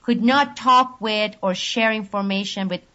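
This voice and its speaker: Over a muffled video call with dull lo-fi sound, a woman from Turkey, a native Turkish speaker, gives a long interview. Her medium-pitched voice is bright and forceful, yet she speaks in measured fashion, explaining at length with frequent pauses.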